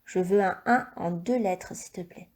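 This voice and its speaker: A woman teacher recording a video lesson for young children, dictating words slowly and clearly and encouraging the child. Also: fairly low pitch, a little mellow. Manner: slow, clear dictation with stretched syllables; encouraging, addresses the child directly. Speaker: primary school teacher.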